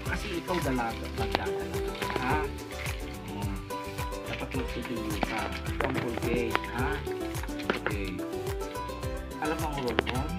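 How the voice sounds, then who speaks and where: A man with a Filipino accent, talking to a girl and her grandfather as he hands out gifts on a vlog, warm and coaxing, slipping in English words. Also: mid-range voice, low-quality recording. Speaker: vlogger handing out donated goods. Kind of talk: casual talk to family and camera. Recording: music playing loudly behind.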